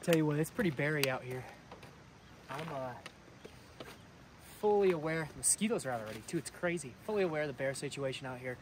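A young man hosting a casual fishing and camping vlog, talking excitedly to viewers from a riverbank and a truck camper, recorded on an action camera. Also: fairly high pitch, brisk, long pauses, noisy background. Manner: excitable, chatty, addresses viewers as guys. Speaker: fishing vlogger. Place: riverbank outdoors, then inside a truck camper.

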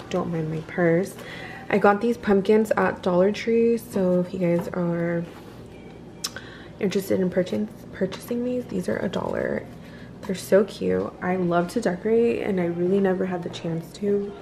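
A hoarse young woman talks through her day in a loose, rambling vlog, her voice gravelly with fry. She slips into soft, half-whispered asides as she chats. Clear background noise sits under her voice. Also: medium pitch, low-quality recording. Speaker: vlogger, sugaring business owner. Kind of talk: casual vlog chat. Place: in a car in traffic.

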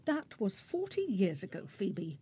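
A woman's voice: medium pitch, huge pitch swings, unhurried, mellow, breathy edge, exaggerated voice. An actress playing a fussy, meddling woman in her fifties in a period radio drama, speaking in a genteel, coaxing way. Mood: chiding. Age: 50s. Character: meddling, busybody older spinster, fussy and genteel. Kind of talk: 1940s-set radio drama acting.

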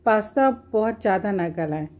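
A woman's voice: mid-range voice, expressive, moderate pace, darkish tone. A woman at home, talking viewers through a cooking recipe step by step in a plain, homely, instructive way. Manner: homely, instructive, often says "dekhiye".

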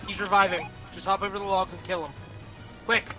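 A man's voice: high-pitched, fairly even intonation, a little fast. A man chatting casually with friends during a video game. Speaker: gamer in party voice chat. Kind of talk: casual gaming chat. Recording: game voice chat with music.

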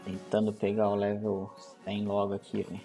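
A man's voice: on the low side, monotone, a little fast, creaky, mellow, faint music behind. A man with a Brazilian Portuguese accent, chatting casually to viewers while streaming a game over a headset microphone. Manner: slangy, laid-back chatter to viewers. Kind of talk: casual gameplay commentary on a livestream. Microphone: livestream headset microphone.

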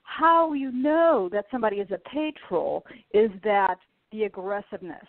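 A woman's voice: mid-range voice, animated, normal speed, no echo. Portuguese-born woman on a tinny line. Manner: hesitant, many fillers. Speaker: podcast guest. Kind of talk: remote interview. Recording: tinny phone-like line, dry.

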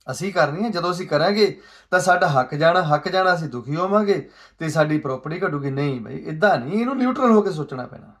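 In an earnest monologue about society, a man with a high-leaning voice asks rhetorical questions. He alternates between soft asides and raised emphasis, sounding like he's pleading.

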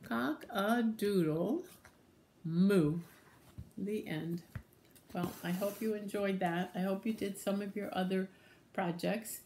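A woman teacher reading a picture book aloud to young children, animated, with gasps and whispered asides, and speaking to the children directly to encourage them. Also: medium pitch, unhurried, slight background noise.

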